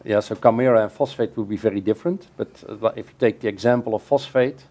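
Seated at a table by big windows in a bright room, a middle-aged man serving as keynote speaker takes panel questions. He explains his views in a low, mellow, steady voice at a measured pace, frequently starting his sentences over.

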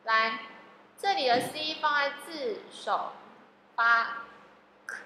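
Phonics teacher, woman, slightly high, bright voice; slow, repeats each word; echoey room. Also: slight background noise. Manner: slow, drawn-out sounding of words, repeating each one. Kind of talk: classroom phonics lesson. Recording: echoey room with long reverb.

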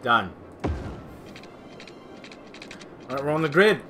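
Lively, bright-voiced male streamer. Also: medium pitch, drawn-out words, faint music behind. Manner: rambling, swears, reacts to chat. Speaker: game streamer. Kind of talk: casual live-stream chat.

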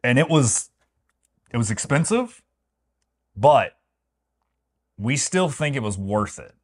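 Very animated yet slow, a man with a mid-range voice co-hosts a travel vlog. His talk is casual opinionated review chat, delivered playfully and wryly with mock-grandiose emphasis.

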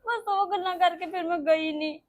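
A woman's voice: extremely high pitch, steady tone, brisk. A woman acting a distraught young widow who speaks through crying, pleading and tearful. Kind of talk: Punjabi web drama acting.

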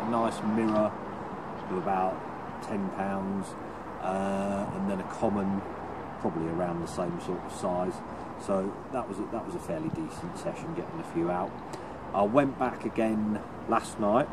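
Low-voiced man by a lake. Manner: chatty, relaxed updates with fishing terms. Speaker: angling vlogger and teacher. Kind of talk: casual vlog to camera. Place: outdoors by a lake. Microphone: camera mic at arm's length. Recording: outdoor noise behind voice.

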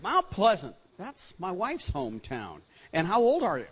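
A man's voice: high-pitched, huge pitch swings, normal speed, fairly bright tone, breathy edge. A middle-aged man hosting a live outdoor stage event, interviewing children with a handheld microphone. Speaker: event host.

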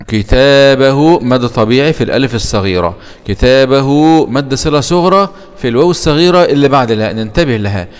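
A man with an Egyptian Arabic accent teaching Quran recitation rules, posing questions and answering them himself, and chanting the verses slowly. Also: mid-range voice, long reverb tail.

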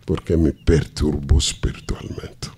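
A man preaching, telling a story dramatically with hushed asides. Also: very deep voice, flat delivery, a little slow, breathy edge, in a whisper. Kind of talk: storytelling sermon.

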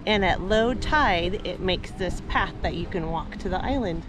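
A woman's voice: on the low side, normal speed, music in the background. Forties woman, chatty vlogger explaining sights outdoors, camera held close. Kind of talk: casual travel vlog. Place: outdoors at the shore and harbor.

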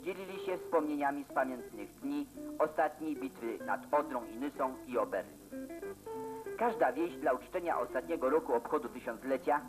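A man's voice: medium pitch, lively intonation, normal speed, pauses often, low-quality recording. A man reading scripted narration for an old newsreel in a formal, declamatory way. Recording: narration over loud guitar music.

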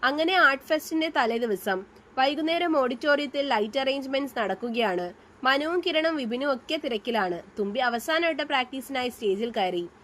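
High-voiced woman narrating a romance story. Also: a bit bright, slight background noise.

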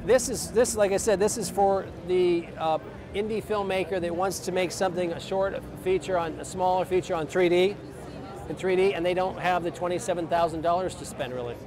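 A man's voice: sits high, fairly even intonation, brisk. A man in his forties casually explaining camera gear at an outdoor trade show booth, speaking into a lapel mic with plenty of fillers. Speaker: company president and filmmaker. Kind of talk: trade show equipment demo. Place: outdoor expo booth under an umbrella. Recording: outdoor crowd noise. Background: crowd chatter.

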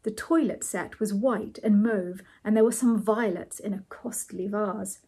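Brief: woman narrator, soft breathy read-aloud, mid pitch, gentle and measured. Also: fairly even intonation. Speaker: host reading a novel aloud.

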